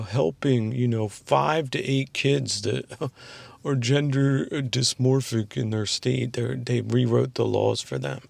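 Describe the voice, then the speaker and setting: Gravelly, halting man ranting to camera. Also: medium pitch, no echo. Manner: rambling, halting, many fillers and restarts. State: losing his voice, clearing throat. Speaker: channel host. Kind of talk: rambling political monologue.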